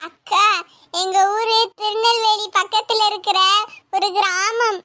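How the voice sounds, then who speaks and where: A very high voice playing a timid, tearful young village girl in a cartoon, speaking meekly. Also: flat delivery, measured pace, bright, forceful tone, exaggerated voice. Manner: meek, pleading.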